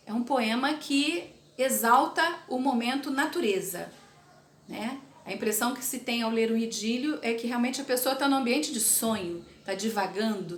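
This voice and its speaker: A woman's voice: fairly high pitch, echoey room, slight background noise. A woman teaching a recorded literature class, explaining terms step by step and checking in with her students. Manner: explanatory, checks in with tag questions.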